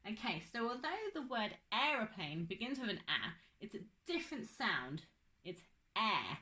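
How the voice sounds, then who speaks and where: A woman's voice: a little high, big pitch swings, moderate pace, bright, forceful tone. A young woman teaching a phonics lesson to children, patient and drawing out her words.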